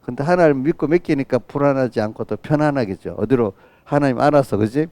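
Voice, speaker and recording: With a warm, medium-pitched voice and a fast pace, a middle-aged man preaches as pastor at an early-morning service. He converses with the congregation, keeps asking "right?", and acts out what children and God say in his own voice, with no echo.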